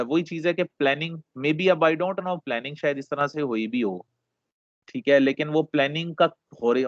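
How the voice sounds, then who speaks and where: A man's voice: mid-range voice, dry recording. A man giving a recorded class lecture, explaining patiently, mixing English terms in and often checking in with his students. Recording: dull, dry lo-fi recording.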